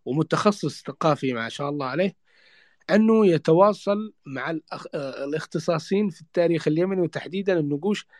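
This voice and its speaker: A man's voice: fairly high pitch, no echo, studio quality. A man lecturing with emphasis on old Arabian words and inscriptions, using repeated rhetorical refrains. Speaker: speaker on Yemeni history. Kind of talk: impassioned talk in an online voice chat.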